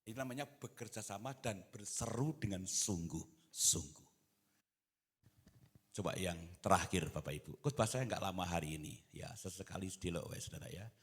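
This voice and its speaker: A man preaching a sermon in church, moving between quiet talk and loud, impassioned exhortation. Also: low voice, normal speed, breathy edge. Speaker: pastor. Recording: reverberant church hall.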